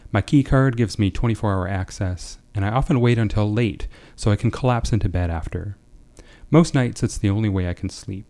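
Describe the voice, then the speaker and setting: A man with a mellow voice on the low side appears as a guest writer. He takes part in a panel chat and reads his own short fiction.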